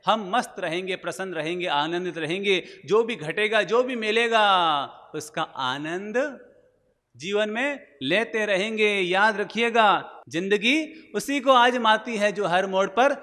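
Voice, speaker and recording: A man's voice: high voice, measured pace, bright, forceful tone. A male monk preaching a sermon, telling anecdotes and asking rhetorical questions. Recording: long hall reverb.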